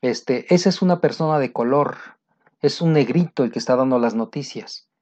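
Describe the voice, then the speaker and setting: A man with a Mexican Spanish accent teaching English pronunciation in a casual spoken lesson, patient and repeating key phrases, slowing down to demonstrate sounds. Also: medium pitch, darkish tone.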